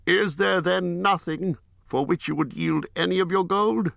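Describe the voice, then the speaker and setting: A man's voice: high voice, measured pace, creaky, a bit bright, no echo, voice pushed up, exaggerated voice. Bard, a firm leader voiced by a man in a raised voice. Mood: challenging.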